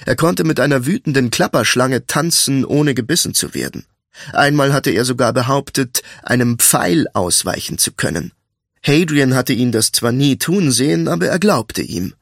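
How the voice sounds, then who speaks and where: A man narrating a fantasy audiobook in an even, measured storytelling voice. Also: medium pitch, vocal fry, no room sound, studio quality.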